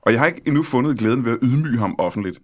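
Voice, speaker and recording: A man's voice: medium pitch, animated. A man hosting a comedy talk show, asking questions in a dry, mock-serious way. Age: adult. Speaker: host.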